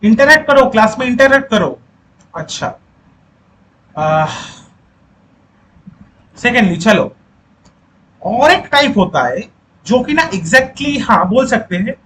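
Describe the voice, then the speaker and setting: A man's voice: high voice, animated, slow, pauses often, fairly bright tone, a little hiss or hum, low-quality recording. A male teacher giving a lecture who repeats key points, quizzes the class and coaxes students to speak up.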